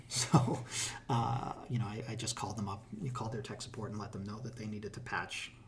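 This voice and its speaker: Boston-accented middle-aged man, relaxed. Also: fairly low pitch, fairly quick. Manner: relaxed, explanatory, many fillers and restarts. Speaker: tech hiring manager. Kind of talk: casual interview conversation.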